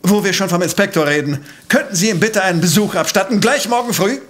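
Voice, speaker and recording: An exacting professor and amateur sleuth in an audio drama. His voice is high for a man. He speaks with analytical precision and pompous self-assurance. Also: fast, fairly bright tone. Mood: analytical, assured. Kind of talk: German audio drama acting.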